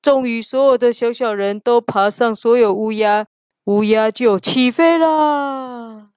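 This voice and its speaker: Woman storyteller, high and smooth, playful and animated, recorded dry and a bit muffled. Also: slow, no room sound. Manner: playful, animated, acts out characters. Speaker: storyteller, podcast host. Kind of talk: improvised bedtime-style story with a child.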